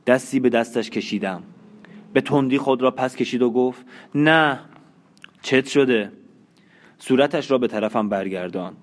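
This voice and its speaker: A man narrating a novel in the first person, in a measured, dramatic storytelling manner. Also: medium pitch, darkish tone. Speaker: audiobook narrator.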